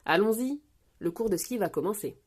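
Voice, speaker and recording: A woman's voice: medium pitch, animated, normal speed, breathy edge. A woman voicing an easygoing daddy pig in a storybook, reassuring in tone.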